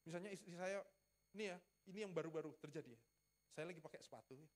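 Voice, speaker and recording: A male pastor preaching in a relaxed, playful storytelling manner, joking with the congregation and acting out conversations with his wife. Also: a little high, fast. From Riau, Sumatra, Indonesia. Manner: lively storytelling with playful asides, acts out dialogue. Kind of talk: sermon. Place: church.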